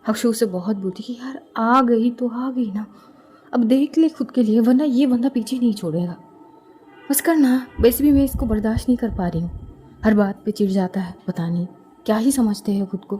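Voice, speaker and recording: A woman's voice: a little high, moderate pace, warm tone, a little hiss or hum, close to an everyday voice. A woman voicing a loyal young best friend who speaks frankly and firmly. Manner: frank, firm, outspoken.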